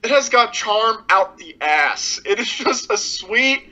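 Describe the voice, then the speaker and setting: Bright-voiced sarcastic young man. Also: sits high, lively intonation, slow pace. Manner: sarcastic, laughing, profane. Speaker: podcast co-host. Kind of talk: casual chat. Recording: dull lo-fi sound.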